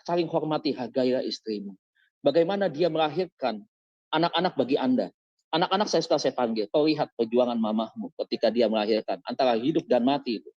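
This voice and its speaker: A man's voice: medium pitch, darkish tone, dry recording, lo-fi sound. A man preaching as pastor in an online service, exhorting his listeners and firing questions at them. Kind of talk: sermon over an online service. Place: online service on a video call.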